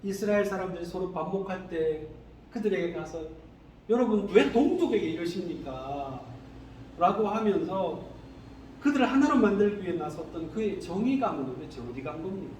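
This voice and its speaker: A male pastor preaching a sermon in a church, animated, who keeps asking the congregation rhetorical questions. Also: high voice, brisk. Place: church sanctuary. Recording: echoey hall, distant mic, faint noise.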